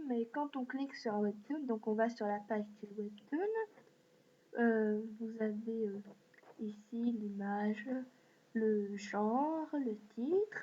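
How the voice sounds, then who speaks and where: A woman's voice: on the high side, warm tone. A woman hosting a screen-recorded app walkthrough, talking in a hesitant way with many fillers. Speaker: video host. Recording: dull lo-fi mic with faint hiss.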